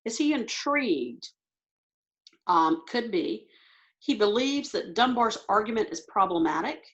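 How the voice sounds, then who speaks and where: A woman teacher talking quickly and thinking aloud as she walks through test questions on a video call. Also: mid-range voice, big pitch swings, dull audio. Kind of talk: recorded online lesson.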